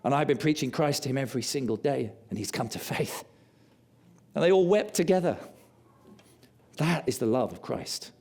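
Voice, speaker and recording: A man preaching a sermon, telling stories with passion and dropping low and quiet for confession. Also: lively intonation, normal speed, long pauses, breathy edge. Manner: impassioned storytelling, rising loud on key lines.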